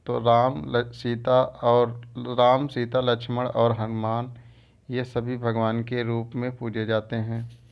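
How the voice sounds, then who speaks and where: Male teacher for a screen-recorded grammar lesson, flat delivery, repeats each term, dull lo-fi sound. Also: mid-range voice, clear, resonant tone. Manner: explains slowly, repeats terms. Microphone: phone or screen recorder mic.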